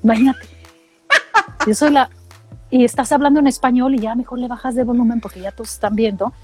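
A middle-aged woman from Mexico with a Mexican accent, telling animated, slangy stories in casual chat and acting out what people said. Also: a little high, brisk, faint music behind. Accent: Mexican Spanish. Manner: animated storytelling, slangy, acts out quotes.

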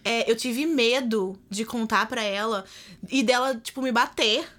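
A woman's voice: on the high side, measured pace, fairly bright tone. A young woman with a Brazilian Portuguese accent, telling her story candidly as a podcast guest and acting out what others said. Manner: candid storytelling, acts out quoted speech. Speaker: podcast guest, former au pair. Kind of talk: casual interview chat.

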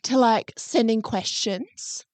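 Dramatic female podcast co-host, slightly high voice, dry studio sound. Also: slow pace, no room sound. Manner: animated, dramatic, swears casually. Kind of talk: casual chat. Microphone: studio microphone.

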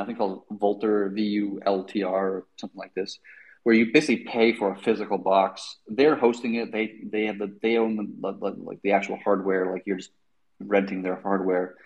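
A man's voice: on the low side, vocal fry, muffled recording. A man hosting a casual tech discussion, explaining things in an informal, rambling way with lots of verbal hedging. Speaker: host.

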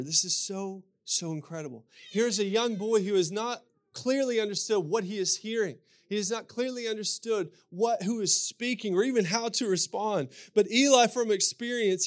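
A man with a Kentucky accent preaching as a pastor, telling scripture stories and repeating phrases for emphasis. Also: high-pitched. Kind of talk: sermon with scripture storytelling.

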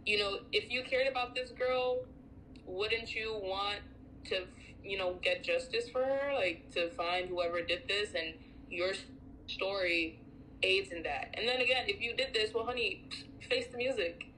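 An animated woman from the United States co-hosts a podcast and chats in a lively, filler-heavy way. Her voice has a middling pitch. A faint noise sits under the recording. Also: measured pace, rough recording. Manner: animated, chatty, many fillers. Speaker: podcast co-host. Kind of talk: casual chat.

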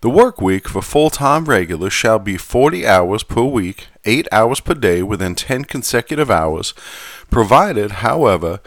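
A man voicing a genteel Southern gentleman who reads aloud in a measured, formal manner with a Southern US accent. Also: lowish voice, big pitch swings, no room sound. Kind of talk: scripted reading.

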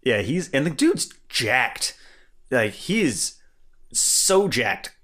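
Young guy on a podcast, excitedly walking through movie scenes, laughs a lot. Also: medium pitch, slow. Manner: animated retelling of scenes, laughs often. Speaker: podcast co-host. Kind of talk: casual movie review chat.

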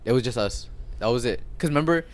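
A young man co-hosting a casual podcast with friends, telling stories in a slangy, animated way. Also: medium pitch, fast. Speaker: podcast co-host. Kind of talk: casual chat among friends.

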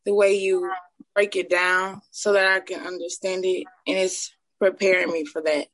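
A woman's voice: on the low side, level tone, moderate pace, fairly bright tone, no room sound, rough recording. A young woman calls in to the show, her voice dry and close with no room sound. She gushes with praise in casual chat, dropping "like" into nearly every phrase. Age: young adult. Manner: gushing, fills her speech with "like". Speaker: caller.

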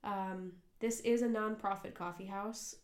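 Earnest and rambling, this young American woman co-hosts a conversational podcast and works at a cafe; she corrects herself often and fills pauses with "um." Her middle-pitched voice is steady at a measured pace, and the recording sounds like an echoey room.

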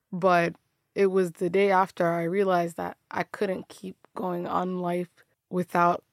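A young woman recounting her own hard times in a low, gravelly voice. She talks candidly and loosely, restarting her phrases and laughing between thoughts. The sound is dry and close to the mic. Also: no echo. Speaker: podcast host telling her story. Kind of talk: personal storytelling monologue.

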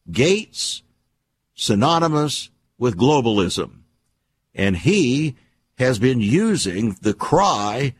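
A man hosting a talk program, delivering an emphatic, alarmist and conspiratorial opinion monologue in a deliberate way, with rhetorical questions and repetition. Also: medium pitch, breathy edge, dry recording. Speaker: radio program host.

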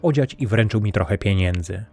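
A man reading a fairy tale as scripted storybook narration, calm and even. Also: fairly low pitch, brisk, gravelly, soft background music. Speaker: audiobook narrator.

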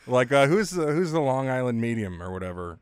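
A man's voice: mid-range voice, sing-song, brisk, clean tone, no echo, clean studio sound. A man co-hosting a casual podcast, telling loose, profane stories and laughing often. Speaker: podcast co-host.

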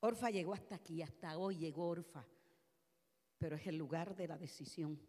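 A woman pastor preaching a passionate sermon, moving from soft, quiet passages to loud shouted ones. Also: low-pitched, moderate pace, long reverb tail. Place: church.

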